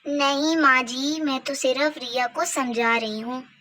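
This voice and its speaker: A woman's voice: high voice, steady tone, measured pace, pushed and bright. A woman voicing a strict, worried mother in a doll-play story, lecturing her daughter firmly. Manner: lecturing, firm.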